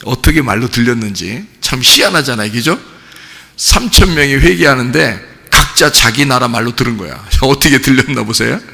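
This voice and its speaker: A man preaching a sermon as pastor, talking with the congregation, asking them questions and lively acting out the voices he quotes. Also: mid-range voice, moderate pace, gravelly, big-room sound. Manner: animated, acts out quoted voices and mimics gibberish tongues; conversational, asks the congregation questions. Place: church sanctuary.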